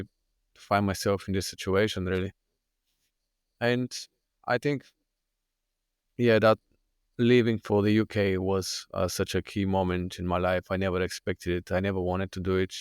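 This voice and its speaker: A Bulgarian man telling his own story as a podcast guest, earnest and halting with many restarts. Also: deep voice, clear, resonant tone, no room sound, studio quality. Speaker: guest, fitness coach. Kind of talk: podcast interview.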